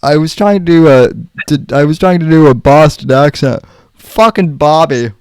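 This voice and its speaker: A man co-hosting a podcast on a call, talking slowly and hesitantly with many fillers. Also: a little high, a little mellow, clear, resonant tone, dry recording. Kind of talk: casual chat on a call.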